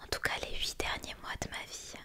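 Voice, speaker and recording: A young woman whispers closely in a breathy voice, chatting intimately and unscripted to one listener in an ASMR style. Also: brisk, pushed and bright. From France. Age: young adult. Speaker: ASMR creator and vlogger. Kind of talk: whispered ASMR casual chat.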